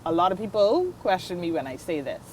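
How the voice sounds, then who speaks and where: Bahamian woman, lowish voice, easygoing, walks through a recipe, a bit of faint room noise. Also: fairly quick. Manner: relaxed, explains step by step. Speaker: guest cook. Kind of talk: casual chat.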